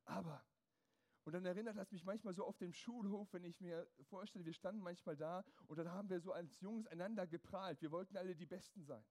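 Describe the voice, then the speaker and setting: A man's voice: high voice, brisk, darkish tone. A man preaching a sermon to his congregation, emphatic and driving his points home with strings of rhetorical questions.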